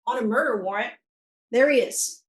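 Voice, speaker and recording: A woman's voice: fairly high pitch, normal speed, low-quality recording. A woman prosecutor giving a courtroom closing argument, emphatic and pressing her points through repetition. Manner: emphatic, repeating key phrases for force.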